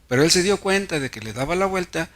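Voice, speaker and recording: A man's voice: high voice, lively intonation, fast talker, fairly bright tone. A Mexican pastor preaching a sermon, telling stories and asking the congregation rhetorical questions, often repeating words as he restarts.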